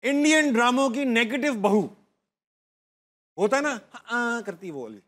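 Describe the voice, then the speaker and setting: A male comedy talk show host in a TV studio, chatty and quick to laugh, explaining a game at length. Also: extremely high pitch, expressive, a bit bright. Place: TV studio with a live audience.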